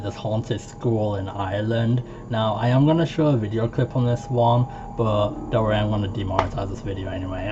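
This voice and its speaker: A man telling stories in a casual, rambling vlog monologue, full of fillers, with jumps into a much higher voice when he quotes people. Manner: rambling, heavy on fillers like "like" and "it's where". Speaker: storytime vlogger. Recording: dull lo-fi home recording with faint noise.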